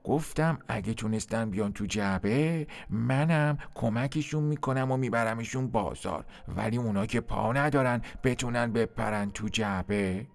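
Man doing a sleepy grumpy dog, groans and grumbles, bit gravelly. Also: medium pitch, hardly any pauses, lightly acted. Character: drowsy dog, grumpy after a nap.

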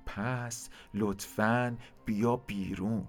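Brief: big-hearted leopard chief, voiced by a male storyteller, loud and raspy. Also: on the low side, steady tone, faint music behind. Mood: reassuring.

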